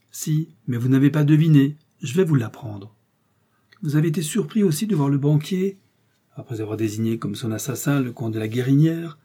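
A man voicing a rough, defiant male master criminal with a coarse, jeering way of talking, in an audiobook reading. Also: a little high, dark tone, voice pushed up. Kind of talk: audiobook character voice.

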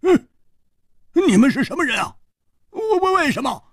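A man's voice: a little high, huge pitch swings, slow, gravelly, no echo, studio quality, voice pushed up, exaggerated voice. A man voicing a proud young swordsman who stammers when flustered, in a radio storytelling performance. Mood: indignant. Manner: stammering, indignant. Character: startled young male swordsman, blunt and proud.

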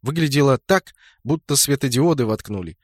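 A man's voice: mid-range voice, lively intonation, normal speed, dry recording. Man narrating a first-person audiobook, dry sound.

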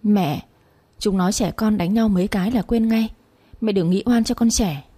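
A woman voicing a gentle young wife and mother pleading with her mother-in-law, in a storybook reading. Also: mid-range voice, moderate pace, husky, close to an everyday voice. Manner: pleading, soft.

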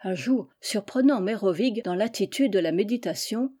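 A woman reading a historical tale aloud as scripted audiobook narration, measured and even. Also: medium pitch, husky. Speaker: audiobook reader.

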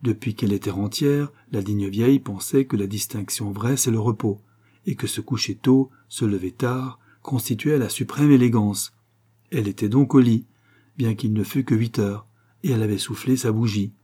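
A man narrating a novel as an audiobook, in a measured, even storytelling manner. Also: lowish voice, husky.

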